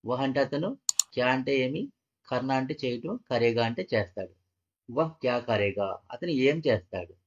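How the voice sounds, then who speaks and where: A man's voice: medium pitch, moderate pace. A man teaching a language lesson, patiently repeating each phrase and breaking it into parts. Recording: dull, muffled lo-fi audio.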